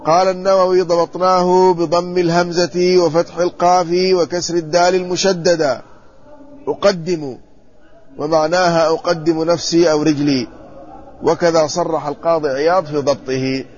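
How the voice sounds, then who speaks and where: A man, an Islamic scholar, giving a measured classroom commentary on hadith and checking the text with his students. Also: a little high, little pitch movement, darkish tone. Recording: muffled lo-fi recording with faint ambience.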